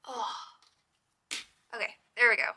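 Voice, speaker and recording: A young woman with a hoarse, raspy voice hosts a laid-back crochet tutorial at a slightly slow pace, chatting with lots of "like" and whispering softly as she counts her stitches. There's a little hiss or hum in the recording.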